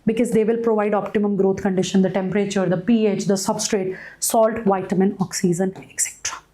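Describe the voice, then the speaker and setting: A woman's voice: mid-range voice, steady tone, brisk, mellow. A woman with a North Indian accent teaching an online class, repeating phrases for emphasis and checking with students as she lectures. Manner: repeats phrases for emphasis, mixes in Hindi asides.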